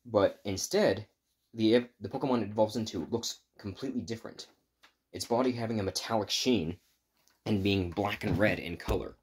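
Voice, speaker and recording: A man's voice: on the low side, moderate pace, darkish tone, breathy edge. A man improvising a fan story, rambling with frequent stops and restarts as he retells it. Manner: rambling, stop-and-start retelling.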